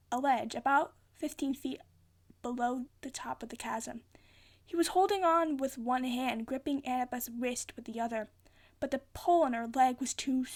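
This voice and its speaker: A woman giving a theatrical, amateur storybook narration, often stumbling and rereading phrases. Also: high-pitched. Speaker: amateur reader.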